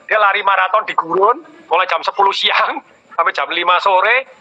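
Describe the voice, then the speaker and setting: A man's voice: high voice, moderate pace, highs cut off. A middle-aged man, a business coach, telling emotional stories animatedly in an interview. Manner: emotional, animated storyteller with many repeated exclamations. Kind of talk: conversational storytelling interview.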